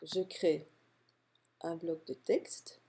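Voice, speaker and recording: A woman calmly walking through a software tutorial step by step, narrating her clicks. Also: low voice, a little hiss or hum. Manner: calm step-by-step explaining, unhurried. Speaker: software instructor. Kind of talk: screen-recorded software tutorial.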